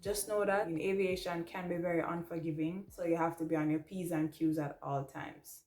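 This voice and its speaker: A lowish, darkish voice with fairly even intonation belongs to a young Jamaican woman, a vlogger, pilot and air traffic control trainee, who speaks at a moderate pace. Presenting casually to camera, she's emphatic and often ends her points with "right?". The recording has a roomy echo and music beneath it.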